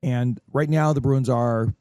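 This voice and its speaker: A man's voice: mid-range voice, fairly even intonation, a little slow, mellow, clean tone, no echo, clean studio sound. A man hosting a sports podcast in casual, rambling chat, full of likes and fillers. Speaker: podcast host.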